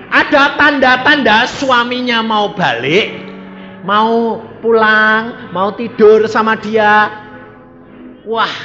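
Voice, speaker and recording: Male evangelist, bright tense delivery, slow and theatrical, roomy hall sound. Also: high voice, lo-fi sound. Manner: dramatic, acting out quoted prayers with sudden loud bursts and soft drops. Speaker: evangelist preacher. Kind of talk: sermon. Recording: echoey hall with faint music.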